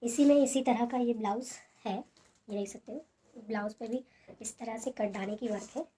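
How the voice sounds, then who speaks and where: A young woman talking softly and casually at home, showing sarees in a haul video with many fillers. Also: on the high side, moderate pace, breathy edge. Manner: soft, hushed talk with many fillers. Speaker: fashion vlogger showing sarees. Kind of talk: casual product haul chat.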